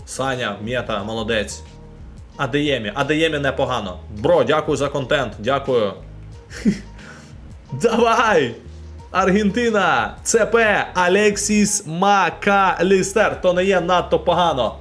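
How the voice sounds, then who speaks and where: A man's voice: fairly high pitch, measured pace, faint music behind. A young man from Ukraine casually commenting live while opening game packs and talking to his chat. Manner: chatty, animated, talks to chat.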